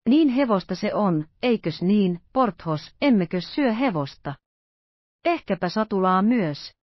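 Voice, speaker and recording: A woman's voice: medium pitch, very animated, no room sound, highs cut off. Athos, a grave, dry musketeer, read by a woman. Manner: weighty, deliberate.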